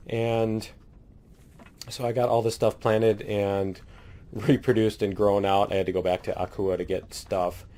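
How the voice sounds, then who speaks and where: A man chatting casually as he tours his base in a building game, rambling and laughing, a little hoarse and clearing his throat now and then. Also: on the low side, warm tone. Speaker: let's play host. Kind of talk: casual gameplay commentary.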